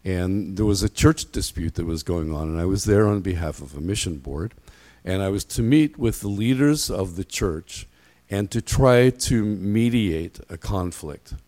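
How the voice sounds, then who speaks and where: A middle-aged man preaching in a conversational way, telling personal stories with halting, self-deprecating delivery. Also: low voice, lively intonation, warm tone. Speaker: pastor giving a sermon. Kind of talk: conversational sermon with personal anecdotes.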